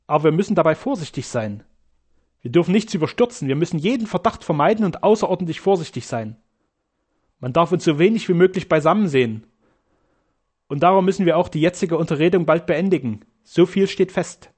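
A cunning notary, voiced by a male reader speaks with firm, deliberate calculation. His tone is conspiratorial and steady. It sits a little above the reader's plain voice. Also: fairly high pitch, slightly rough, pitched above the performer's own voice. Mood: scheming. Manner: measured, conspiratorial.

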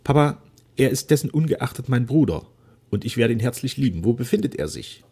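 A man voicing a gentle, devoted young woman in a read-aloud novel, speaking earnestly in a raised voice. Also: animated, brisk, husky. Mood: tearful devotion. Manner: earnest, pleading, raised pitch.

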